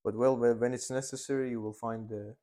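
A dental student in his twenties from Iran, whose first language is Persian, answers interview questions hesitantly, full of fillers and restarts. His medium-pitched voice is warm and brisk, with little pitch movement.

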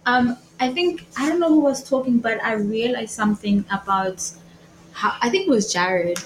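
A young woman co-hosting a casual faith podcast, speaking in a lively, emphatic way. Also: fairly high pitch, moderate pace. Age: young adult. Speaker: podcast co-host. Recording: echoey room with faint hiss.

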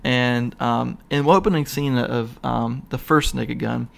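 A man's voice: mid-range voice, steady tone, a little slow, vocal fry. A man hosting a podcast, chatting casually about comedy movies, rambling with lots of fillers and restarts, chuckling as he retells scenes. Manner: laughs while retelling scenes. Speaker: podcast host.

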